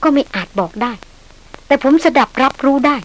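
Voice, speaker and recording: Woman voicing calm young man, polite, reasoning, softer and lower. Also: moderate pace, lightly acted. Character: young man, a composed hunter, polite to his lady. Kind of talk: audiobook character reading.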